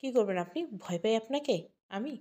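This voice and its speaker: A woman's voice: a little high, expressive, a little fast, mellow, dull audio, lightly acted. A woman voicing a hurt, defiant young woman. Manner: tearful, defiant.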